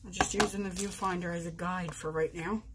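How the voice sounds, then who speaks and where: In a very noisy recording, a woman in her forties speaks briskly in a low, steady voice. She's vlogging from her bedroom, putting on makeup on camera with casual, self-deprecating chatter and step-by-step narration.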